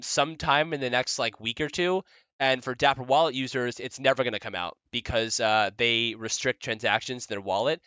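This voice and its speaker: A man's voice: mid-range voice, bright, forceful tone, clean tone, no room sound. A man casually demoing his own project on a livestream, joking about himself and laughing often as he talks. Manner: chatty with many fillers and restarts. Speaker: developer presenting his project.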